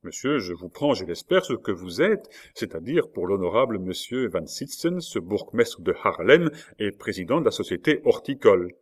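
A man's voice: fairly low pitch, very animated, moderate pace, hardly any pauses. Brief: man doing a bold young tulip grower, pleading and insistent, audiobook reading. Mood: indignant.

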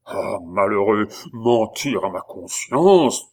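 A man voicing an irate elderly male priest and schoolmaster who scolds loudly. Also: lowish voice, lively intonation, takes it slowly. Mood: indignant. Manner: scolding, shouting, Latin tags.

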